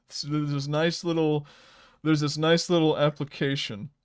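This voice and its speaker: A man's voice: fairly high pitch, flat delivery, unhurried, smooth. Guy hosting a chill livestream, rambly, kinda mumbles off at the ends while he edits. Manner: rambling, trailing off into soft mutters. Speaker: livestream host. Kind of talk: casual livestream chat while editing.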